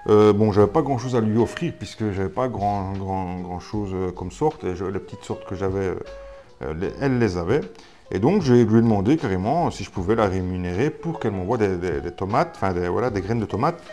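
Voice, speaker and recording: A man's voice: lowish voice, expressive, fairly quick, dark tone, soft background music. A man from Belgium, chatting casually to camera about his seeds, full of fillers and restarts and self-mocking asides. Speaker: gardening YouTuber. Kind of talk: casual vlog talk to camera.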